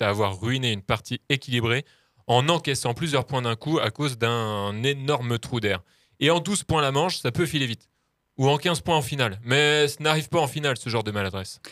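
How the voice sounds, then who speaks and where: A man's voice: mid-range voice, a little fast, a bit bright, no room sound. A man co-hosting, reading scripted comic narration in a dry, ironic way. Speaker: co-host narrator.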